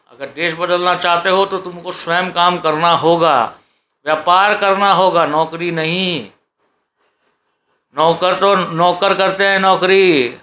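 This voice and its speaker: Forceful, preachy Hindi-speaking man. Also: a little high. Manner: preachy, repeats himself, fires rhetorical questions. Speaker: vlogger. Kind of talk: exhortative monologue. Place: sitting on a sofa at home.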